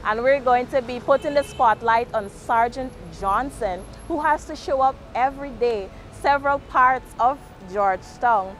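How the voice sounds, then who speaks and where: Outdoors near a street junction, with traffic noise around her, a Guyanese-accented woman hosts a street interview. Her voice is high-leaning and a bit bright, and she keeps things chatty and encouraging with her guest.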